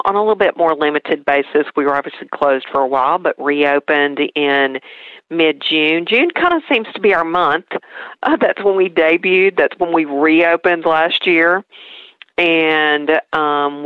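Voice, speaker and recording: Promoting a show as an interview guest, a woman from East Tennessee, United States, chats in a smooth, low voice with that region's Southern American accent. The audio has no echo, though its high frequencies are cut off.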